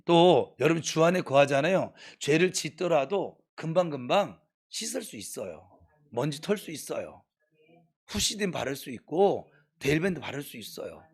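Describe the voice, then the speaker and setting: A man preaching in church with a high, very lively voice that climbs and falls across a wide range. He moves from quiet teaching to sharp, scolding exhortation aimed at his congregation. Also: moderate pace, husky. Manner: exhorting, swings from soft to scolding shouts. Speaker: pastor. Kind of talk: sermon.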